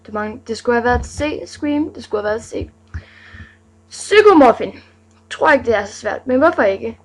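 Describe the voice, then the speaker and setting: A woman's voice: fairly high pitch, rough recording. A young woman vlogging casually, reading out viewers' names with playful, giggly asides.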